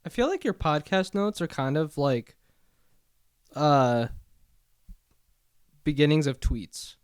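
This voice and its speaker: A man's voice: on the high side, expressive, slow pace, clean tone, no room sound. A man co-hosting a podcast, tossing in dry teasing comments during casual chat. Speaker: podcast co-host.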